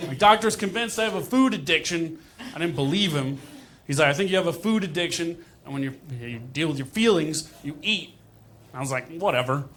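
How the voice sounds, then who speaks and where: An expressive man on the high side of the pitch range, speaking a little fast, performs stand-up built on self-deprecating stories. He keeps it conversational and acts out exchanges, and the noisy live recording captures the audience laughing.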